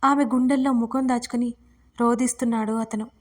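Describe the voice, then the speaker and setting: A woman narrating a romance audio story with steady, expressive reading. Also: on the high side, fairly quick.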